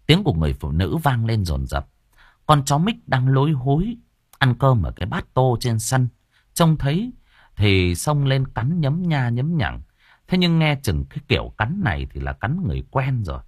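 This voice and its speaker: Man, audiobook narrator, husky, dry recording. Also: mid-range voice, moderate pace, no echo. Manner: lively expressive storytelling.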